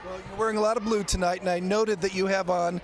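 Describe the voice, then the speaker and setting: A man hosting live red carpet interviews with upbeat, flattering presenter chatter. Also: sits high, fast. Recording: music playing behind.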